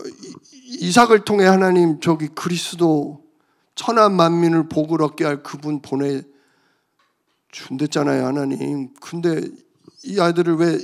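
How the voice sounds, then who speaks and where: A male pastor preaching a sermon, telling stories in an animated way and calling out for amens. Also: on the high side, measured pace, vocal fry. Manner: animated storytelling, calls for amens.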